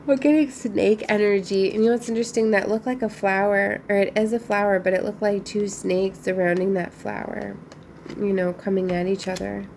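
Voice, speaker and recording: A woman giving a casual, chatty spiritual tarot reading, musing aloud with thoughtful pauses. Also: medium pitch, steady tone, gravelly, a little mellow, a little hiss or hum. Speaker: tarot reader.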